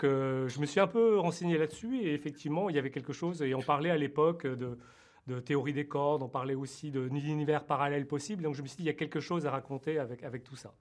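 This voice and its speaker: A man's voice: mid-range voice, darkish tone. A French-born man who created a TV series, answering interview questions hesitantly with many fillers and restarts. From France.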